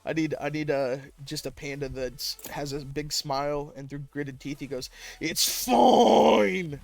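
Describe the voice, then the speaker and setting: A man hosting and casting an amateur online game tournament, laughing often and jumping up in pitch when excited. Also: moderate pace, soft background music. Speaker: tournament host and caster. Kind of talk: casual esports commentary.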